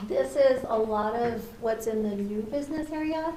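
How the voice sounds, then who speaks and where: High-voiced woman chairing a meeting, echoey. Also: moderate pace, dark tone. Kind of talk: running a school committee meeting. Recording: echoey room with background noise.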